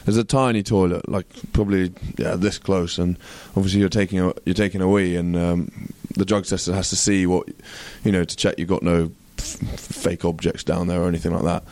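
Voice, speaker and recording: Deep-voiced young man, giggly storyteller. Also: little pitch movement, fairly quick, hardly any pauses, darkish tone. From England. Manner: laughing through a funny anecdote, stumbling. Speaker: guest, rugby player. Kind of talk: casual podcast chat.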